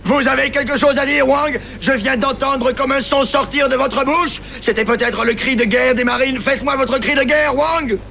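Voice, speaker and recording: Nasty sarcastic drill sergeant, space marines tv show, high gravelly bark, noisy track. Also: male voice, moderate pace, few pauses, pushed and bright, full character voice. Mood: mocking, barking. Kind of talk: French-language TV series dub acting.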